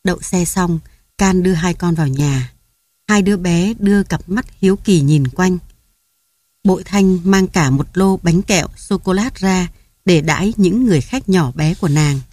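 A woman narrating a romance novel in an even storytelling manner. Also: fairly low pitch, normal speed, dry recording, studio quality. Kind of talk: audiobook novel reading.

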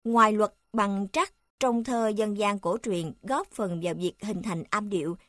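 A woman reading a textbook aloud in an even, formal manner, speaking the section headings too. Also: mid-range voice, a little slow, no room sound, studio quality.

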